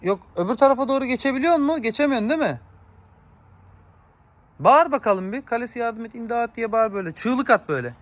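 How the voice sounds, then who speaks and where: A man, a father and dog owner, chatting casually to viewers in a yard while giving sharp commands to his dogs. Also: very high-pitched, lively intonation, quick pace, long pauses, no room sound. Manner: sharp commands to dogs, shooing them back. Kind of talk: casual vlog talk to viewers.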